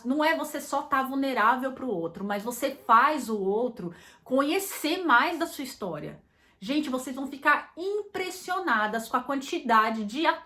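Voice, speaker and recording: Uma mulher com sotaque brasileiro dá conselhos sobre relacionamentos numa conversa casual, falando direto com quem ouve, com muitas pausas e recomeços. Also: female voice, sits high, sharp tone. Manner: thoughtful, many restarts and fillers, addresses listeners directly. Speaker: relationship advice speaker. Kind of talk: casual advice talk.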